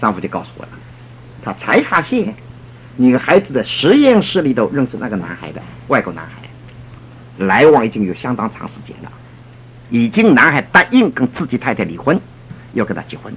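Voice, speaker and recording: Animated husky middle-aged man preaching. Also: mid-range voice, a little fast. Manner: animated storytelling, acts out the people he quotes. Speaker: church elder giving a talk. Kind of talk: storytelling sermon.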